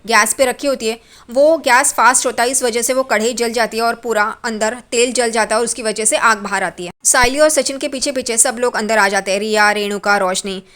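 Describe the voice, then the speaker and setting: A woman retells a TV serial episode in a relaxed, conversational way. Her voice sits a little on the high side, and she moves from scene to scene in a plain, steady storytelling manner. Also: brisk. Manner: plain, steady retelling with simple linking words. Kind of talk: casual spoken story recap.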